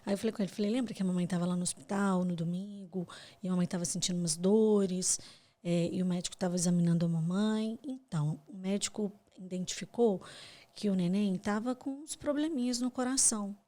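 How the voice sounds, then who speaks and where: A Brazilian woman telling a personal story as a podcast guest, soft-spoken and halting, with repeated words. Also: mid-range voice. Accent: Brazilian Portuguese.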